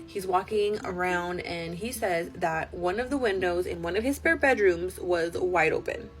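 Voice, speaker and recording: A woman host telling spooky stories in a casual, animated, conversational way, drawing out words for suspense. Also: on the low side, moderate pace, poor audio. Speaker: host reading follower-submitted spooky stories. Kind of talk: casual spooky storytelling to camera. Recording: music behind the voice. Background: music.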